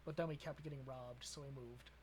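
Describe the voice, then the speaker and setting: A man's voice: medium pitch, fairly even intonation, brisk, background noise. Giggly young man with a Wisconsin accent. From Wisconsin, USA. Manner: laughs often, rambling and playful. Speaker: podcast co-host. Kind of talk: casual chat.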